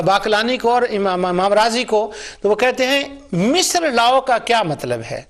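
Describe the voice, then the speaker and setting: This religious lecture comes from a middle-aged man who is an Islamic scholar and Quran reciter; his voice sits high with a fairly bright tone. Through storytelling, he reenacts conversations he remembers and stresses ideas by saying them again.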